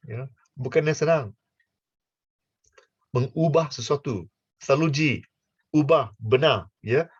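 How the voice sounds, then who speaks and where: A man's voice: on the high side, breathy edge, dry recording. An older man preaching, stammering, full of fillers and playful asides. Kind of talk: sermon. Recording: dull lo-fi sound, dry.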